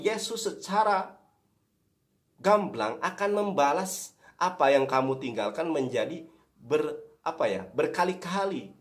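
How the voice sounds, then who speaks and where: A man giving a religious lecture as a preacher, earnest and direct, addressing his listeners as brothers and often correcting himself mid-sentence. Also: a little high.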